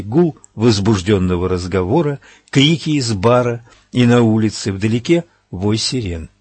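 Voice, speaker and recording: Husky low male audiobook narrator. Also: no room sound. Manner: steady dramatic reading.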